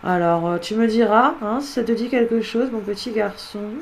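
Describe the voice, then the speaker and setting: A woman's voice: medium pitch, normal speed, a little hiss or hum. A woman working as a medium, chatting casually as she replays recordings, repeats the words she hears aloud and speaks directly to the departed. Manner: musing, repeats heard words aloud and addresses the spirit directly. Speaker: medium doing spirit-contact sessions. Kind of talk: casual commentary during a recording session.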